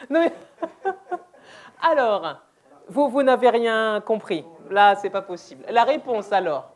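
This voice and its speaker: Brief: woman, higher voice, unhurried church workshop presenter, playful, laughs often, restarts her phrases. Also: animated. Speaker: deaf ministry presenter. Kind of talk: interactive church workshop talk. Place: church hall, indoors.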